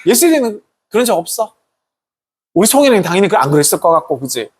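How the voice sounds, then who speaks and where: A pastor preaching to a youth group in a lively storytelling manner. The voice rises and falls widely, with a slightly husky edge. The pastor keeps pulling the kids in with quick questions. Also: mid-range voice. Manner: animated, asks the kids questions often, tag questions.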